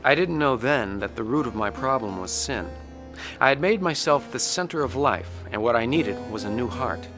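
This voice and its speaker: Music plays beneath a medium-pitched, slightly bright male voice at normal speed, expressive and lightly acted. As narrator and lead, he portrays a troubled war veteran and addict recounting his own story in dramatized first-person testimony. His tone stays earnest, conversational, reflective, and full of regret.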